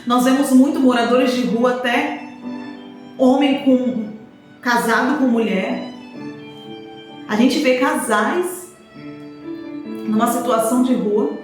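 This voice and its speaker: High-voiced woman preaching in an echoing room. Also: slow, long pauses. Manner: emphatic, repetitive, addresses listeners directly. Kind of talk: sermon. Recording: very echoey room with faint instrumental music.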